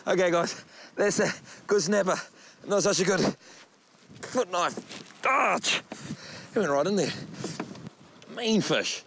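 A man with a broad New Zealand accent chatting casually and excitedly while out fishing as a presenter. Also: high voice, slow pace, creaky, long pauses. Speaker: kayak fishing show presenter. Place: outdoors on the sea, in a kayak or small boat. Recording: outdoor boat and water noise.

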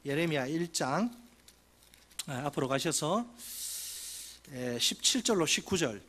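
A male pastor preaching a sermon, reading scripture aloud and talking to the congregation in an animated, conversational way. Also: on the high side, unhurried. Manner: frequent fillers and restarts, conversational asides.

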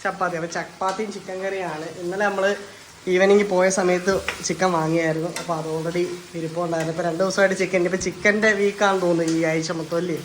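Guy filming a family vlog in the kitchen, talks fast, rambles, throws in english words. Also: high voice, level tone, a little hiss or hum. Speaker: family vlogger filming his partner cooking. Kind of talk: casual chatty home vlog. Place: home kitchen.

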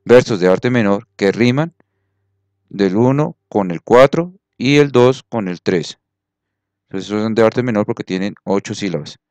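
A man's voice: fairly low pitch, animated, moderate pace, a little mellow, no room sound. A man teaching a classroom lesson, patient, counting syllables aloud and checking that students follow.

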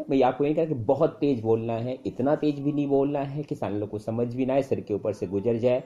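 A man teaching English speaking tips in a casual spoken lesson, full of fillers and repeated phrases. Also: dull audio. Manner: conversational, many fillers and repeated phrases, lively pitch jumps.

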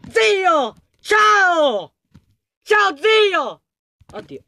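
A gaming video creator giving let's-play commentary, excitable and panicky, talking to the game characters and swinging between shouts and low mutters. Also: drawn-out words, vocal fry.

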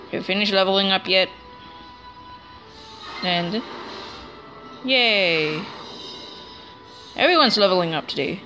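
A woman's voice: mid-range voice, expressive, slow, long pauses, pushed and bright, lo-fi sound, soft background music. A woman giving casual, rambling commentary over a video game let's play, often correcting herself as she talks. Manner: chatty, rambling, self-correcting.

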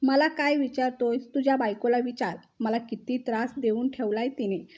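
A woman's voice: fairly high pitch, steady tone, normal speed, warm tone, lo-fi sound, natural voice. A woman voicing an irritable older mother-in-law who scolds and complains, in a storybook reading. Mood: irritated.

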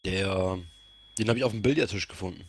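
A man's voice: on the low side, fairly quick, slight background noise. A man chatting casually as a gaming partner while playing. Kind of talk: casual chat during a game.

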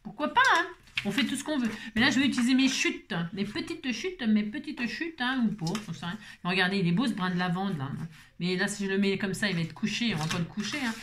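A woman's voice: mid-range voice, expressive, fast, fairly bright tone, a little hiss or hum. A woman hosting a craft tutorial, chatting and rambling with self-mocking asides as she works, feeling unwell. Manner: rambling, self-mocking, talks to viewers while working. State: unwell with migraine.

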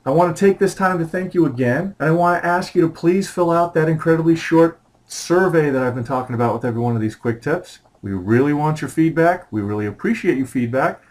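Upbeat man giving a software tip. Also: on the high side, a little fast, few pauses, rough recording. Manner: upbeat, chatty and playful. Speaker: software trainer. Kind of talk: screencast tutorial.

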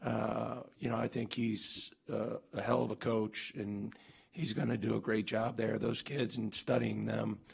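A basketball coach in his forties sits at a press-room table mic for his postgame press conference, answering in emphatic, earnest bursts full of restarts and fillers. He talks a little slowly in a lowish, level voice that is creaky and husky.

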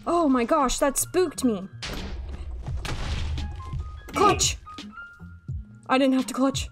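High-voiced excitable woman gamer. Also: moderate pace, over music. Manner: excitable and playful, squeals and talks to viewers. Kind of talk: gameplay commentary.

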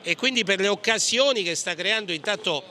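Calling a futsal game live, this commentator speaks fairly quickly in a high, animated, pushed and bright voice. His clipped play-by-play moves from name to name with each pass, hesitating now and then, against audible indoor sports hall noise and a bouncing ball.

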